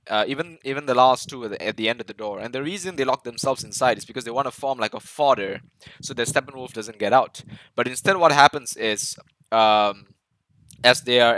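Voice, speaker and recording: A man talks through a movie scene by scene in a loose, eager way, stumbling over his words and filling gaps with "uh." His voice is bright and forward, set in a mid range for a man. The sound is dry, with no room around it. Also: mid-range voice, no room sound, low-quality recording. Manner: enthusiastic, many fillers and restarts. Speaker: film reviewer. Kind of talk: casual movie breakdown commentary.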